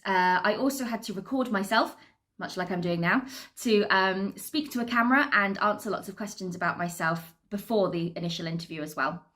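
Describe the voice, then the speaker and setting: A woman's voice: mid-range voice, a little fast, a bit bright. An upbeat British woman speaks informally about her working life. She is chatty and articulate, like a cruise director at ease with talking to people. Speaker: assistant cruise director and entertainer. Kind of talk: informal career talk to camera.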